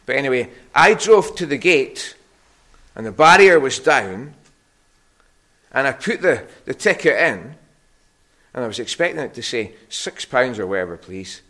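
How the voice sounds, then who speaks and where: A middle-aged man with a Scottish Hebridean accent, giving a conversational children's sermon as an animated story with questions to his listeners. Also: medium pitch, measured pace. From Harris, Scotland. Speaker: preacher giving a children's talk.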